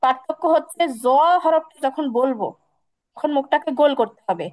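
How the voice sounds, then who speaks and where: High-voiced woman teaching letter sounds. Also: animated, darkish tone, no echo, poor audio. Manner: patient, drills sounds by repeating them slowly. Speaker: Quran recitation teacher. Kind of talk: online class instruction.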